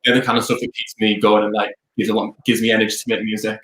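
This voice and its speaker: Casual bouncy chatter from a young man, sharp tone, quick, video-call sound. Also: lowish voice, level tone. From Leeds, England. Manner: chatty, upbeat, rambling. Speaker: DJ and music producer guest. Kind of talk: casual interview chat. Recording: echoey room over video call.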